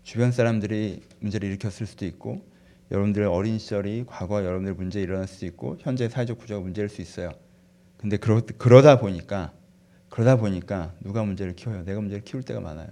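A man preaching a sermon, asking the congregation questions and swinging from loud fervent peaks to quiet, soft passages. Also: on the low side, fast. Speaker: pastor.

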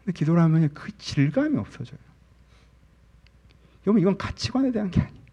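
A man's voice: sits high, quick pace, slightly rough, highs cut off. Candid, conversational male preacher. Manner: candid, personal, drops to soft murmurs and rises to animated emphasis. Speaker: pastor. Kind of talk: conversational sermon.

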